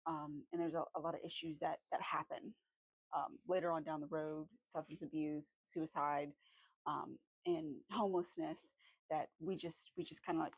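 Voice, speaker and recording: A woman vlogging at home while drawing, chatting casually in a rambling, friendly way with lots of fillers, her voice slightly hoarse. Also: sits low, darkish tone, dry recording, rough recording. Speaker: art vlogger.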